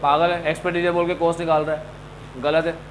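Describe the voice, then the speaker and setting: High-pitched, lively coaching teacher. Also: male voice, fast, rough recording. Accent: Indian. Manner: animated, scolding and joking with students. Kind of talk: classroom lecture.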